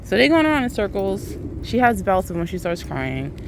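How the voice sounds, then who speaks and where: A woman's voice: medium pitch, normal speed. A woman with an American accent tells a story casually to viewers while out walking, animatedly acting out what people said. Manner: animated retelling, acts out quoted speech. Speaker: vlogger. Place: outdoors on a walk. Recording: outdoor ambient noise.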